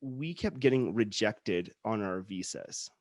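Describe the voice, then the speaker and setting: Born in India and raised in Utah, a man hosts a casual interview podcast, telling stories earnestly and enthusiastically with frequent "like" and restarts. His voice is fairly low, expressive, and unhurried, recorded dry.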